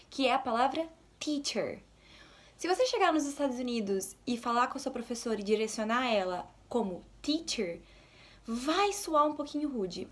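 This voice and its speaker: Chatty Brazilian woman giving language tips. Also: a little high. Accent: Brazilian Portuguese. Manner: chatty, explains with quick English examples. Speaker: English tips vlogger. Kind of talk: casual teaching vlog.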